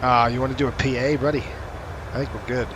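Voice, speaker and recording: Talking fast in a steady, medium-pitched voice, a man streams from a flight simulator as a virtual airline pilot, chatting casually and reading viewer comments. Clear, vehicle-like cockpit noise can be heard.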